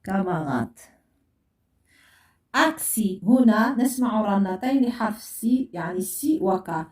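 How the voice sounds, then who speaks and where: A woman's voice: a little high, normal speed, a little mellow. A woman teaching a French lesson, patiently repeating and spelling out sounds for pupils. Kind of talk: classroom lesson. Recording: echoey room, voice far from mic.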